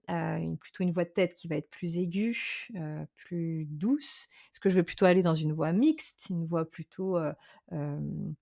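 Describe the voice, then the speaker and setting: A woman vocal coach and singer, speaking as a podcast guest in a thoughtful, explanatory way, often pausing on fillers. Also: lowish voice, gravelly, warm tone. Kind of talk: conversational interview.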